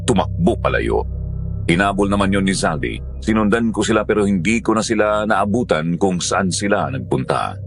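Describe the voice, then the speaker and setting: A male storyteller reading a first-person horror tale with a low voice. He keeps a measured, dramatic pace, with faint music underneath. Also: expressive, creaky.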